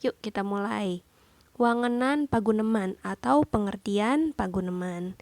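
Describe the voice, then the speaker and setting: Slow, deliberate woman teacher. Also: mid-range voice, darkish tone, dry recording. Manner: explains each point then repeats it in a second language. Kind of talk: classroom lesson explanation.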